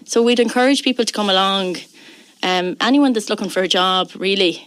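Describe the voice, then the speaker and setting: A woman's voice: mid-range voice, a little fast, fairly bright tone, smooth, dry recording, poor audio. A woman with a west of Ireland accent, chatting informally and emphatically as a guest in a radio interview.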